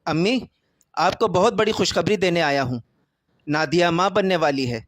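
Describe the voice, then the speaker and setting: Earnest devoted young husband, firm, high-pitched voice, dry sound, played by a male narrator. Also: dry recording, lightly acted. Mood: joyful.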